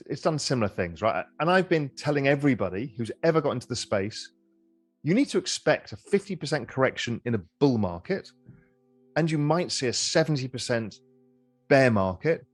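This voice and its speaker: A middle-aged man speaks as an interview guest at a medium pitch, his voice swinging up and down in lively, animated contours. He talks conversationally, repeating and restarting phrases as he thinks aloud. Faint music plays softly behind him. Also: brisk.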